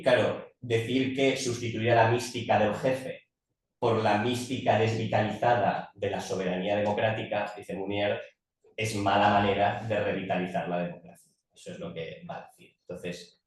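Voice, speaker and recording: A man's voice: fairly low pitch, little pitch movement, moderate pace, slight background noise. A man giving an academic talk as a conference speaker, discursive and often adding tag questions. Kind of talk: academic talk, spoken semi-freely. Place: conference room. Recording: very echoey room, distant mic.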